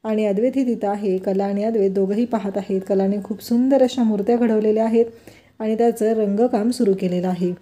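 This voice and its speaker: Mellow-voiced woman recapping a TV episode. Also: mid-range voice, brisk. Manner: steady retelling with many quotes. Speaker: TV serial episode reviewer.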